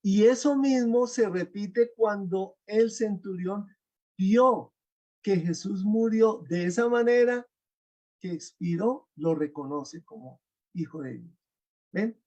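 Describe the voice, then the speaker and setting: A man's voice: sits high, slow pace, mellow, highs cut off. A man giving a webinar lecture, explaining step by step and checking in with his audience through rhetorical questions, over a video call.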